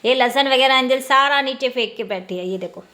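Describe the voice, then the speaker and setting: Showing off her chores as she talks, a family vlogger in her thirties keeps up casual home narration for her viewers. She speaks a little fast in a high, bright voice with a forceful tone, laughing often and staying chatty.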